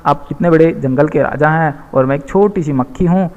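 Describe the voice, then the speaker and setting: A man's voice: on the high side, moderate pace, darkish tone, lo-fi sound, lightly acted. A man voicing a boastful tiny female fly who scolds and taunts, read aloud as part of a storybook lesson. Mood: prim scolding. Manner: taunting, scolding in a prim lecturing tone. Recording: long hall reverb.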